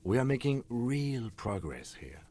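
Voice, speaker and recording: A man voicing a calm, sarcastic police lieutenant in a video game. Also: mid-range voice, a little slow. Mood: dry. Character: calm, dry-witted male police lieutenant.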